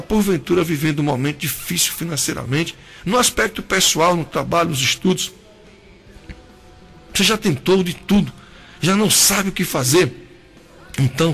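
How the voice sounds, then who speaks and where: A man's voice: a little high, creaky, a bit bright, husky. A man preaching an emotional, pleading sermon.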